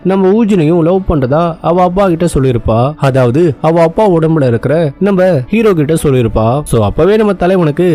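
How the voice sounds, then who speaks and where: A man's voice: fairly high pitch, animated, fairly quick, hardly any pauses, warm tone. A man retelling a drama story, narrating and acting out each character's lines himself. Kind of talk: storytelling recap, voicing every character.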